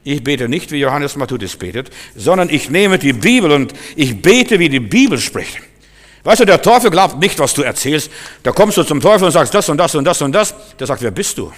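A man preaching with dramatic swings between booming declarations and hushed, almost whispered passages. He acts out the voices he quotes. His voice sits a little higher than most men's, and a long reverb trails after it. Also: sing-song, fairly quick. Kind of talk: sermon.

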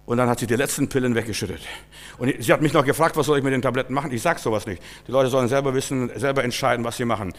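Man, pastor, sermon, shouted proclamations, quiet storytelling, reverberant hall. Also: medium pitch, rapid-fire.

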